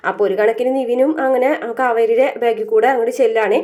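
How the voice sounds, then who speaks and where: A woman rattles through a serial episode recap at a quick clip, her slightly high voice warm and mellow. She strings events together with constant filler sounds and little tag words, never pausing long. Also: fairly even intonation. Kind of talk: casual spoken episode recap.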